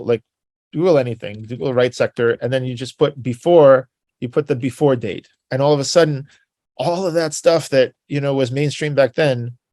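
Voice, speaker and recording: A man's voice: medium pitch, creaky, darkish tone, no room sound. A man giving an informal spoken history talk, rambling and conversational, full of filler words and tag questions. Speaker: presenter.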